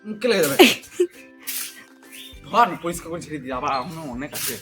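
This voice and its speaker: A man's voice: fairly high pitch, animated, moderate pace, pushed and bright, faint music behind. A man with a Bengali accent answering in short, offhand phrases.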